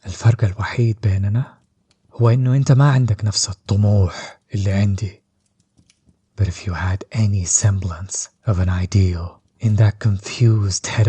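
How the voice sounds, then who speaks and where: In this audio roleplay, a man performs a bitter sorcerer overlord whose deep, dark, very husky voice frequently fades into a breathy whisper. He speaks in a measured, icily taunting way, and here the mood is cold and reproachful.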